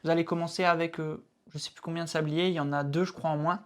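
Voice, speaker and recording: A man's voice: a little high, flat delivery, fast talker, a bit bright. A man in his thirties co-hosting a board game show, steadily explaining rules in casual chat with some hesitations.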